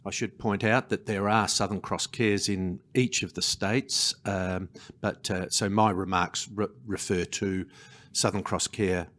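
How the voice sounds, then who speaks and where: A man's voice: low-pitched, fairly even intonation, a little slow, a bit bright. A man introducing himself on a conference panel into a handheld mic, careful and hesitant as he clarifies. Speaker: panellist, board chair. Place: conference stage. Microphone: handheld microphone.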